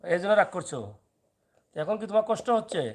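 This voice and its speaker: A father films a casual family vlog in a fairly high voice for a man. He switches between gently coaxing and teasing his little boy and chatting with his viewers. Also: fast. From Sylhet, Bangladesh.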